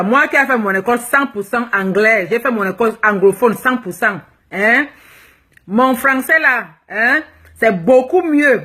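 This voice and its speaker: Live on camera, a plus-size fashion blogger from Cameroon frankly and teasingly tackles viewers' comments, slipping English phrases into French spoken with a Cameroonian accent. Her voice is a little high and sharp in tone.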